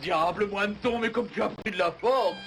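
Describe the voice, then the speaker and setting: High-voiced boisterous cartoon giant. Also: male voice, moderate pace. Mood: hearty. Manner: bellowing colourful threats and taunts. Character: brash, boisterous male giant hero, cheerfully combative. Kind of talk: French animated cartoon voice acting. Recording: lo-fi VHS cartoon soundtrack, loud music.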